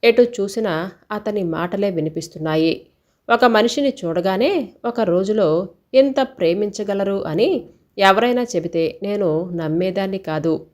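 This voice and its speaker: A woman reading a scripted first-person story in a steady, even storytelling delivery. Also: mid-range voice, a little slow.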